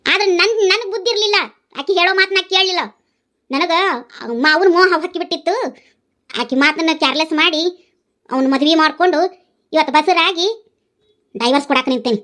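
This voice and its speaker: A woman's voice: very high voice, a little fast, pauses often, sharp tone. A woman voicing a pregnant young wife in a cartoon, defending herself to her mother in a North Karnataka Kannada accent. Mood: defensive. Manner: defensive, pleading, explaining.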